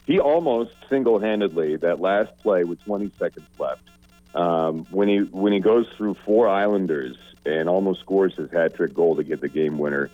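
A man's voice: sits low, no echo, phone-quality sound. A man co-hosting a sports radio show, joking around and rambling with restarts. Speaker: radio sports talk co-host. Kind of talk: casual sports radio banter.

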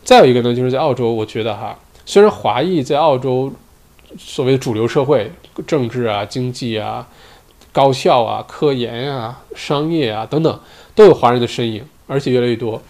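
A man's voice: medium pitch, normal speed, darkish tone. Chatty man hosting a solo talk show. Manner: chatty, rambling, many fillers and tag questions. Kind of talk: casual commentary monologue.

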